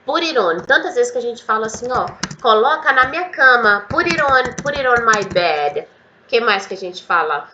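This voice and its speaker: A woman with a Brazilian Portuguese accent teaching an English lesson in a casual, lively way, slowly repeating words for learners. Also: a little high, lo-fi sound, slight background noise.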